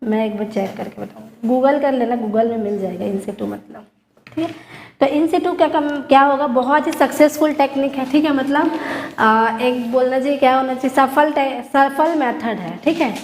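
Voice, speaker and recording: High-voiced woman teaching in an echoey room. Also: slight background noise. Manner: explains step by step, often checking "theek hai?"; mixes in slowly dictated English lines. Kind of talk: classroom lecture.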